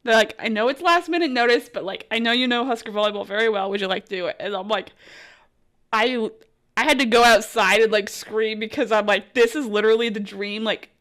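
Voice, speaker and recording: A young woman hosting a podcast, telling a chatty, excitable story with lots of "like" and "oh my gosh" as she quotes herself. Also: fairly high pitch, brisk. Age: young adult. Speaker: podcast host and college sports broadcaster. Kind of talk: casual storytelling monologue.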